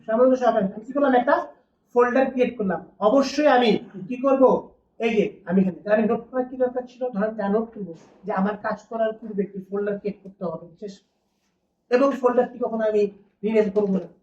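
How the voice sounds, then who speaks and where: Fast-talking woman teaching a class. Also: a little high, dark tone, slight background noise. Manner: asks the class questions and answers them herself. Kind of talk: classroom lecture. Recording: distant, dull, roomy classroom recording.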